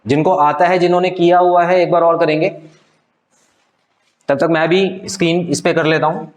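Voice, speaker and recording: A male teacher with a fairly high, fairly even voice speaks at normal speed, slightly raised, in a live online math class. He patiently explains step by step, often checking with "clear?"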